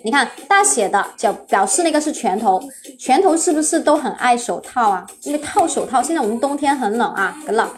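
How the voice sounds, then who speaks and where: A woman's voice: on the high side, expressive, brisk, hardly any pauses. A woman teaching English vocabulary on a live stream, spelling words letter by letter, asking her students questions and praising them often.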